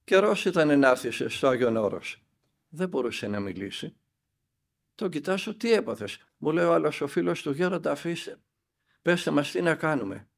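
An older man, an elder monk, tells a spiritual story and acts out the dialogue with lively emphasis. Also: on the high side, gravelly.

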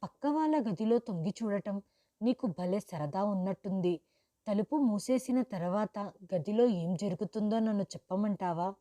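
A woman's voice: mid-range voice, animated, normal speed, mellow, no echo, close to an everyday voice. A woman voicing an arrogant seventeen-year-old boy who speaks in a cold, threatening way. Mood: menacing.

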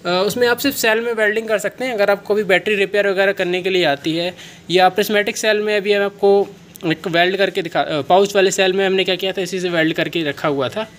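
This man's voice is high-pitched with a fairly bright tone. Demonstrating a product on camera inside a small room, he keeps the talk casual, leans heavily on fillers, self-corrects, and keeps asking himself "kya."

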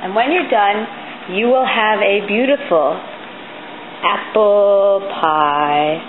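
A woman's voice: medium pitch, slow. A young woman hosting a casual home cooking video, playful and chatty, talking through each step from her kitchen. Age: young adult. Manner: playful, chatty, sing-song asides. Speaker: vlogger cooking host. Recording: tinny lo-fi camera audio in an echoey room with hiss.

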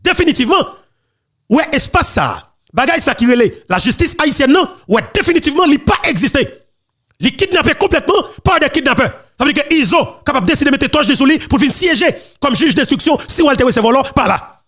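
A man's voice: extremely high pitch, lively intonation, a little fast, fairly bright tone. A Haitian man with a Haitian accent giving emphatic, repetitive political commentary as an online news host.

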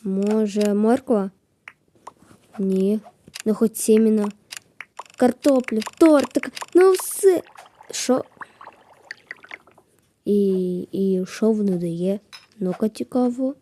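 A woman's voice: medium pitch, lively intonation, slow, pauses often, warm tone, a little hiss or hum. A woman playing a game, muttering to herself as she tries things out, then voicing her characters with squeals and battle cries. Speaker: game player. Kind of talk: playful game commentary.

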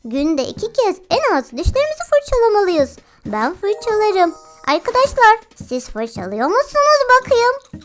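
Very high-pitched and fairly bright, this voice comes from a playful children's game host who coos, giggles and exclaims at cartoon animals while commenting on the gameplay. Children's music plays behind.

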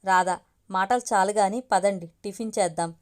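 A woman's voice: medium pitch, normal speed, lightly acted. A woman voicing a stern, practical middle-aged mother in a narrated family story. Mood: scolding.

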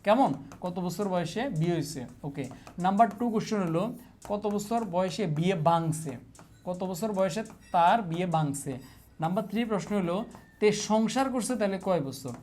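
Teasing coaching teacher. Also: male voice, sits high, moderate pace, darkish tone. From Bangladesh. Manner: teasing, repeats questions, mock threats, drills students. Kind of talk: casual exam-prep class.

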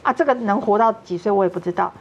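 This woman, a talk show guest with a Taiwanese Mandarin accent, talks fast in a medium-pitched, slightly rough voice. She earnestly relates a personal story and voices what others told her. The sound quality is lo-fi.

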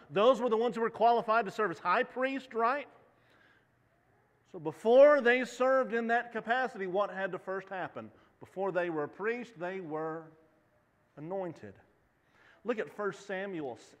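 A man in his thirties preaches with a high, fairly bright voice, walking the stage, gesturing, and asking questions of the congregation. It was recorded in a church sanctuary with long hall reverb.

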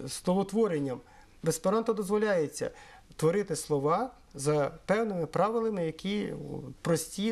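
A middle-aged man from Ukraine explaining things in an interview, measured and pausing often on fillers. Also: high-pitched, darkish tone. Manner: measured, with frequent hesitations and fillers. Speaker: interviewee, Esperanto historian.

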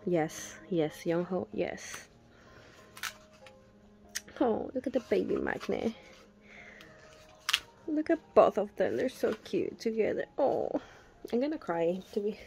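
Young woman, fan unboxing; unhurried, gushing, breathy gasps; soft music bed. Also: mid-range voice, big pitch swings. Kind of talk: casual unboxing commentary.

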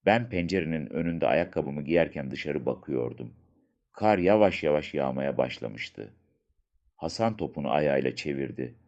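A man reading a first-person story aloud as an audiobook narrator, in a slow, hushed storytelling manner with dramatic pauses. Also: very deep voice, animated, lo-fi sound.

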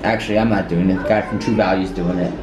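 A man in his thirties, a family vlogger, chats casually and playfully into a phone or small camera held at arm's length. His low voice is fairly even and quick. Loud music and background noise fill the roomy home-video sound.

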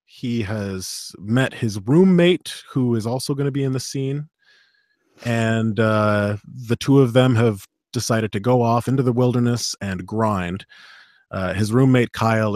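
A man's voice: lowish voice, slow pace, darkish tone, no echo, studio quality. A man hosting a live show, chatting casually and animatedly with fillers and laughs. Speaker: host and audiobook narrator.

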